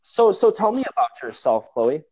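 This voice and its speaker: A man's voice: fairly high pitch, sing-song, moderate pace, a little mellow. An American man chatting casually in a blunt, enthusiastic and emphatic way. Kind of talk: casual chat. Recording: dull lo-fi app call audio.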